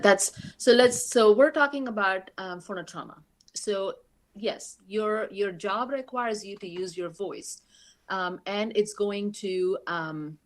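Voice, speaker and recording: A woman giving a practical online lecture on voice care, demonstrating exercises and talking with frequent ums. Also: lowish voice. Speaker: guest speaker on voice care. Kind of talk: webinar lecture.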